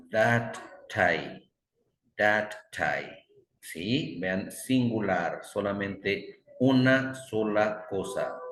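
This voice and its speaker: A man with a lowish voice teaching a class at an unhurried pace. He drills the same short examples again and again and patiently corrects his own slips. The sound is roomy, with the echo of a classroom. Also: fairly bright tone. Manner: stops to correct himself. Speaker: English teacher. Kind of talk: classroom grammar explanation. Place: classroom with students.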